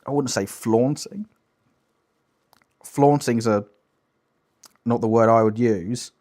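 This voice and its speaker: A man's voice: mid-range voice, takes it slowly, darkish tone. A young British man doing casual livestream reaction commentary, blunt, sweary and emphatic in an incredulous way. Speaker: live streamer commenting on clips.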